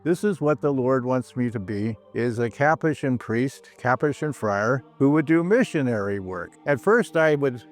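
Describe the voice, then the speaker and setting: A man's voice: mid-range voice, lively intonation, normal speed, hardly any pauses, faint music behind. An older man, a priest and professor, giving a reflective, plain-spoken personal testimony, repeating phrases for emphasis.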